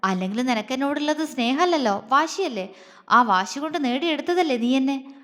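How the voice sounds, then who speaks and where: A harsh, contemptuous young husband in a romance audio story, read by a woman. The voice sits high and rings out with a long hall reverb behind it. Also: expressive, normal speed, fairly bright tone. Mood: scornful. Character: angry scornful young husband.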